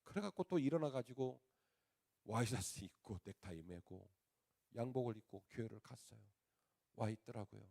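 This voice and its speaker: A male revival preacher, telling a story to his church with a lively, wide-ranging delivery. His mellow, dark voice keeps rising into loud bursts and dropping into quiet asides. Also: mid-range voice, normal speed, gravelly. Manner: animated storyteller, swings between loud outbursts and hushed asides. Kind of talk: sermon storytelling. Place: church sanctuary.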